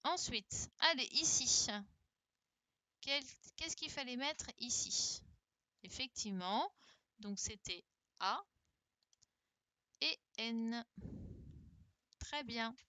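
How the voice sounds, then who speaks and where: A woman teacher leads an online class through her computer mic, speaking slowly and deliberately. Her voice is bright and a little high, and the sound is dry and close with no room around it. She coaxes her pupils by repeating each question. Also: animated, no room sound. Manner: coaxing, repeats questions to prompt answers. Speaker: primary school teacher. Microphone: computer mic on a video call.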